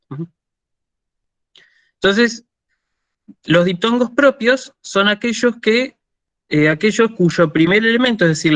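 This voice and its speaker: A man with an Argentine Spanish accent giving an online university lecture, patient and deliberate, often checking in and pausing on fillers. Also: high-pitched, a bit bright, no echo. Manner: slow and deliberate with many fillers.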